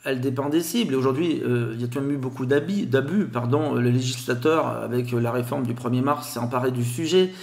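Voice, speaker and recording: On a podcast interview, a male guest who is a telemarketing expert talks in a lively, sing-song way with a slight Grenoble French accent. His pitch is ordinary, he speaks fairly quickly with few pauses, and a clear room echo surrounds him.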